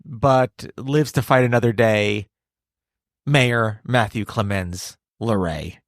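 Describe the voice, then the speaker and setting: A man hosting a podcast, telling funny stories in a playful, animated way. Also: mid-range voice, takes it slowly, no echo, studio quality. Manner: playful, animated storytelling with laughs. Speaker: podcast host. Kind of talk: casual comedic chat.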